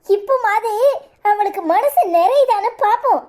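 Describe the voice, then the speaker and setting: Woman voicing a shrill scolding old mother-in-law. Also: moderate pace, darkish tone. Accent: Tirunelveli Tamil. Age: older. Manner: shrill, scolding, wailing complaints. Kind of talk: cartoon voice acting.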